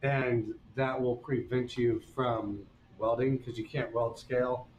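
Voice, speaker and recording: A man's voice: medium pitch, steady tone, slow pace, darkish tone, reverberant, muffled recording, slight background noise. A man teaching blacksmithing on a live stream, explaining each step in a folksy, casual way. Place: forge workshop.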